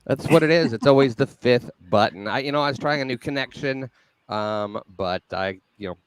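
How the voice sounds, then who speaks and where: A man joining a casual video-call panel as a guest, animated and playful. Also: medium pitch, moderate pace, smooth, no room sound, poor audio.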